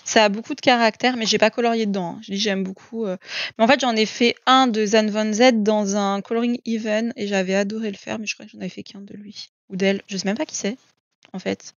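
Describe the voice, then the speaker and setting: A woman's voice: medium pitch, steady tone, fairly quick, no room sound. Chatty gushing woman, dull dry sound. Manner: chatty and gushing, frequent "euh" and repeats. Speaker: coloring book vlogger. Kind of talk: casual chat showing books.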